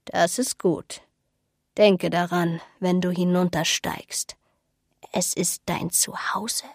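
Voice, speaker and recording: A woman reads as a half-mad old village woman with a slow, ominous whisper. She is close-miked in a dry room, and her voice sits at an ordinary pitch with no room echo. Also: breathy edge.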